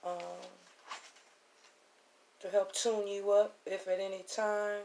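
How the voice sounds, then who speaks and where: A woman's voice: medium pitch, flat delivery, slow, a little mellow, a little hiss or hum. A woman giving an intimate, soothing spiritual reading in a casual way, affectionately addressing the listener with pet names. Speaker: tarot reader and spiritual host.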